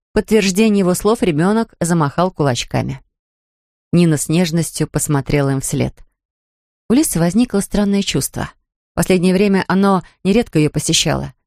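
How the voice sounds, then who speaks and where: Brief: measured female audiobook narrator, fairly low voice, dry studio sound. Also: darkish tone, no echo. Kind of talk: scripted narration.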